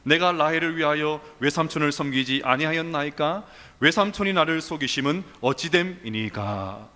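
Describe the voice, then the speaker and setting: A man's voice: a little high, moderate pace, bright, forceful tone, in a large hall, pitched below the performer's own voice. A man preaching acts out a young man, Jacob, who protests with indignation and pleads with tenderness. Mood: indignant.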